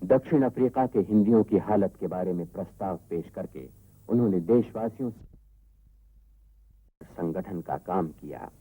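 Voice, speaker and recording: A man giving a measured, formal documentary narration, heard from an old worn tape recording. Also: sits low, mellow, slightly rough, rough recording.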